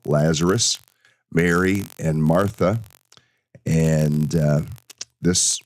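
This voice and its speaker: Really deep-voiced guy with a stuffy nose doing casual bible teaching, kinda halting, very dry close sound. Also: no echo. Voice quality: congested, stuffy-nosed. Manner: halting, hesitant.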